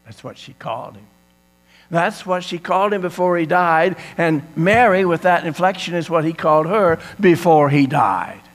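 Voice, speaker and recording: A man's voice: a little high, animated, normal speed, big-room sound. A man preaching an Easter sermon, retelling the story with dramatic, swelling emphasis.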